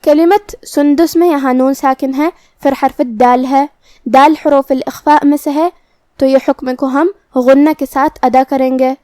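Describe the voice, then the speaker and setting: A woman teaching Quran recitation, explaining each letter methodically and then reciting the verses slowly. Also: high voice, steady tone, a little mellow, no room sound.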